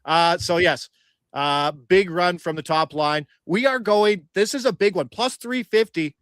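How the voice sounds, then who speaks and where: Young male host, feisty and combative, rattles off stats, slightly high voice, dry close sound. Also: a bit bright, dry recording. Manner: feisty, argumentative, rapid-fire stats. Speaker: sports betting host. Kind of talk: casual sports betting chat.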